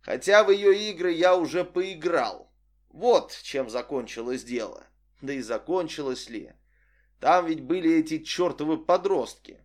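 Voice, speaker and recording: A man narrating a first-person audiobook in a measured, wry storytelling manner. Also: fairly high pitch.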